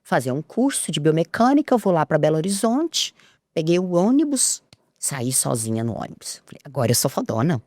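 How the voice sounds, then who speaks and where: Low-voiced Brazilian woman telling stories. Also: moderate pace, no room sound, clean studio sound. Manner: animated storyteller acting out dialogue. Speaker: interview guest. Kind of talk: storytelling in a podcast interview.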